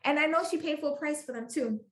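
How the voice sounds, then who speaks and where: Woman, podcast guest. High voice, emphatic storyteller who repeats lines for punch. Roomy, echoey recording. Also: fast talker. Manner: emphatic, exclaiming, repeats phrases for effect. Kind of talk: animated faith storytelling.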